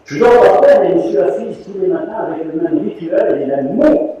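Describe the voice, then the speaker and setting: A man's voice: sits high, normal speed. An older man, a rug weaver, telling stories to an audience and animatedly acting out the voices of people in them. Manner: animated, acts out quoted voices. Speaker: rug weaver giving a talk. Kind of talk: storytelling talk to an audience. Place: large hall. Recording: dull, echoey hall recording from far off.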